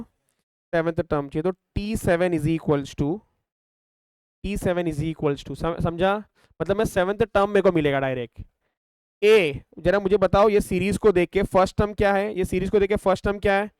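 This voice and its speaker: A young Indian man leads a math class in a fairly high, smooth voice, firing questions at his students and answering them himself. He counts off steps aloud as he works a calculator, and the recording is close and dry. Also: no room sound. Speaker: math tutor.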